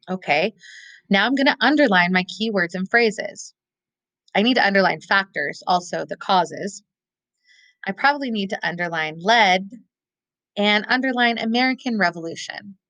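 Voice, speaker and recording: A woman teaching a recorded classroom lesson with a bright, crisp voice. She thinks aloud step by step and slows right down to lean on key words. The sound is dry and close, with no room around her. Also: medium pitch, no echo, low-quality recording. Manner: models thinking aloud, slows to stress keywords.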